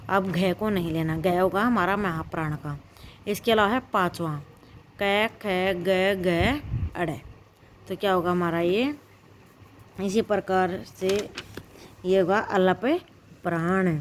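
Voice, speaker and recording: Slow, low-voiced woman teaching grammar. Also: a little hiss or hum. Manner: slow and repetitive, asks and answers her own questions. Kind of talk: grammar lesson.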